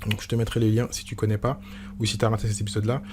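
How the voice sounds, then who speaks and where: A man's voice: on the low side, flat delivery, racing, background noise. A man hosting a solo podcast, talking informally and rambling with many restarts and fillers. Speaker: podcast host.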